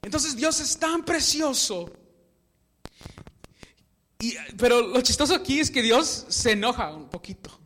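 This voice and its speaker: A man preaching a sermon in a relaxed storytelling way, sometimes stopping to search aloud for a word. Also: very high voice, unhurried, long pauses, in a large hall.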